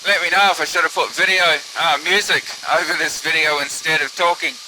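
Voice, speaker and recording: Higher-voiced man, pilot commentary over engine noise. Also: a little fast, rough recording. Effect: pilot's headset or radio sound. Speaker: microlight pilot filming own flight. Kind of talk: casual running cockpit commentary. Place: open microlight aircraft in flight. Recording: steady aircraft engine and wind hiss.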